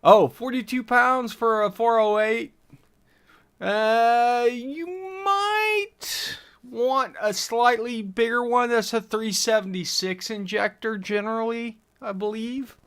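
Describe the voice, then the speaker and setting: A man with a very high voice, slow, smooth and slightly bright, hosts a casual livestream about engine tuning. He reads viewer questions from the chat and thinks his answers through out loud, using plenty of fillers.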